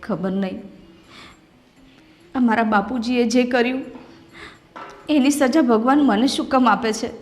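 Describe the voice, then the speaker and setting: Hurt young bride from a poor home , played by a woman, tearful, a bit high. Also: natural voice. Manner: tearful, pleading, defensive. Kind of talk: family drama acting.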